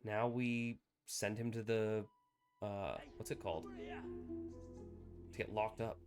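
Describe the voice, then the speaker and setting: A man's voice: fairly low pitch, slow pace, darkish tone, faint music behind. A man giving casual, sweary commentary on a video game, muttering to himself as he plays. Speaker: gamer commentating on his play.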